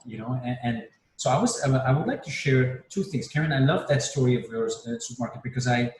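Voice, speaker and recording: A man's voice: medium pitch, quick pace. A man in his fifties from Spain, a panel guest in a casual group video chat, talking reflectively with many restarts and tag questions like "right?". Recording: roomy, distant mic, faint background noise.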